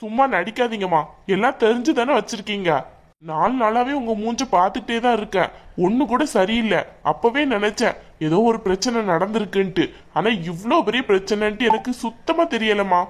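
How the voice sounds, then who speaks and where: A woman's voice: mid-range voice, fairly quick, lightly acted. A woman voicing an angry young married man in a cartoon, demanding answers from his mother. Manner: shouting, demanding. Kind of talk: cartoon voice acting.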